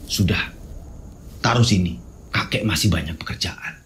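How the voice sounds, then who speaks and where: A man voicing a stern old village grandfather who practises mystic arts, speaking slowly and dismissively. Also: low-pitched, a bit bright, a little hiss or hum, voice pushed down. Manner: slow, commanding, dismissive.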